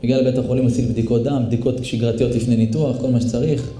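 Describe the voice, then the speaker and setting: A man's voice: mid-range voice, fairly even intonation, warm tone. A male rabbi telling a story in a sermon, dramatically acting out the people in it. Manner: dramatic storyteller who acts out the voices. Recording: echoey room with faint music.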